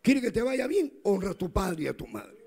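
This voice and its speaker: A middle-aged male pastor preaching a sermon, swinging from fervent shouts to hushed storytelling. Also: high-pitched, big pitch swings, moderate pace, creaky, breathy edge. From South America.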